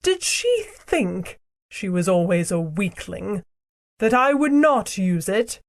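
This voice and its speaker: A woman's voice: medium pitch, very animated. Queen Jadis, a woman voicing an icy sorceress queen. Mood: haughty. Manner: slow, imperious, theatrical delivery. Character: proud cruel ancient queen sorceress, cold and haughty. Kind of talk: audiobook character reading.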